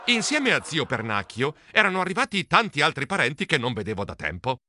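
A man reading a children's storybook aloud in a playful, animated way. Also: on the high side, a little fast, noisy background. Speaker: audiobook narrator.

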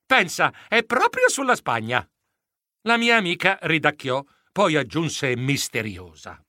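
A man narrating a children's storybook in the first person as a fussy, flustered mouse editor, in an animated, comically flustered manner. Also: a little high, measured pace, no room sound, clean studio sound. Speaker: audiobook narrator.

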